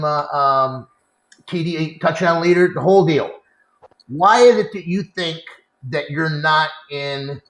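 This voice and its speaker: A man's voice: a little high, a bit bright. A man hosting a show with casual sports talk, recorded in a room. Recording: echoey room sound.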